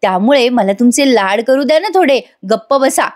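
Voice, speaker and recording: A woman's voice: fairly high pitch, lively intonation, normal speed, darkish tone, close to an everyday voice. A woman voicing a doting young wife who coaxes her husband affectionately. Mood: coaxing. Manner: coaxing, affectionate.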